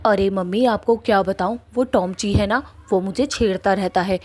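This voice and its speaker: A woman's voice: medium pitch, normal speed, a little mellow, close to an everyday voice. A feisty young woman snaps and threatens in a mid-range voice, as a woman acts her out. Her talk is blunt and scolding. The sound is that of a cartoon voice track. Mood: complaining.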